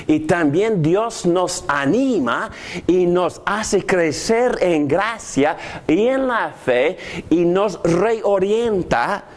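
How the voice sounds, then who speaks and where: A man's voice: high-pitched, very slow. A man teaching a Bible class on prayer, asking his students questions as he goes. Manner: animated, asks the class questions.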